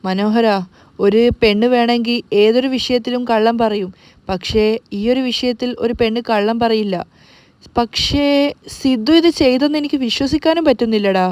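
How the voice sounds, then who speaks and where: A woman's voice: on the high side, normal speed, a little mellow, smooth, dry recording, close to an everyday voice. A woman voicing a conflicted elderly grandmother in a serial recap, torn and scolding.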